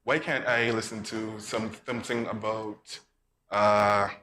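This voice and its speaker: Low-voiced Kittitian man, thoughtful and halting. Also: flat delivery, bright, forceful tone. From Saint Kitts. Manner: thoughtful, halting, repeats words. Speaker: interview guest, podcast producer. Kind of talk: casual interview talk. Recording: faint background noise.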